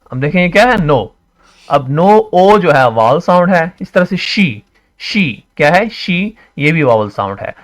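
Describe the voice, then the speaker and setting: A man teaching English pronunciation, repeating example words slowly and asking and answering his own questions. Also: fairly high pitch. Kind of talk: classroom explanation.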